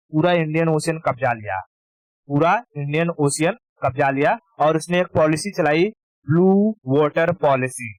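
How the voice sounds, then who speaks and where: A man's voice: a little high, a little mellow, no echo, rough recording. A man teaching history in a casual exam-prep lecture, informal, repeating key terms and checking that students follow.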